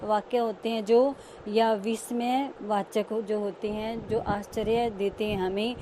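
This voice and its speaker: Woman teacher, unhurried, patient explainer, faint traffic in background. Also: mid-range voice, steady tone, dark tone. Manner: slow, explains each term and repeats it. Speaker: school teacher. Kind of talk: online grammar lesson.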